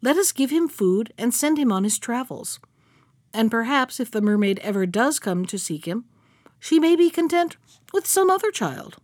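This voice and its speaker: A worried king and father reasons with his queen in a fairy tale, as a woman reads his part. The delivery is measured and plain, without a big character voice. The sound is dry and close. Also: fairly high pitch, big pitch swings, a little mellow, no room sound. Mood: earnest.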